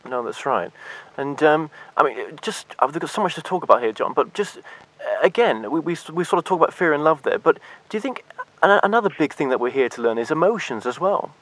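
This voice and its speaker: A man's voice: on the high side, lively intonation, brisk, fairly bright tone. A man hosting an interview, asking questions hesitantly as he searches for his words. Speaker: interviewer host. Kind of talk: interview conversation.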